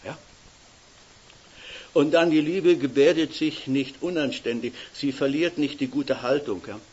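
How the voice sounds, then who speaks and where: An elderly preacher delivers a sermon in a homely, conversational manner, often turning to his listeners with a quick question tag. His voice is husky and sits somewhat high. The recording sounds dull and lo-fi. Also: darkish tone. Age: older. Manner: folksy, keeps tagging "nicht?".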